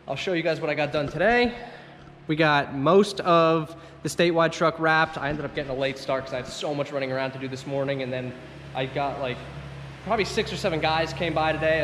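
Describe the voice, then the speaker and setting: A man who runs a car detailing and wrap shop talks in a voice on the high side, fairly even in intonation, a little fast, and fairly bright. He chats loosely with lots of fillers while walking viewers through the day's work in a casual shop vlog, carrying a handheld camera in and out of doors. There's slight background noise.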